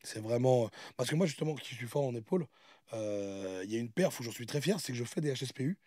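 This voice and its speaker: Host man, fast and mellow, animated and boastful. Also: mid-range voice, dry recording, clean studio sound. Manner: boastful, animated, talks over others. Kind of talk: casual chat.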